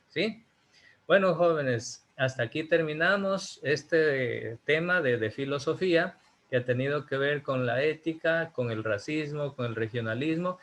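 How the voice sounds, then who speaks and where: A man's voice: on the high side, a bit bright. A man from Ecuador, teaching an online class over a video call and speaking emphatically, putting rhetorical questions to his students.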